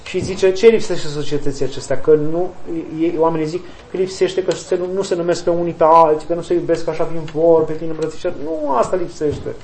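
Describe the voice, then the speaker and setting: A priest speaks to a gathered audience in a notably high male voice. He drives his points home by repeating phrases, stretching and stressing words as he answers questions. A faint noise runs under the talk. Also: hardly any pauses, warm tone, low-quality recording. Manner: emphatic, repeats key phrases.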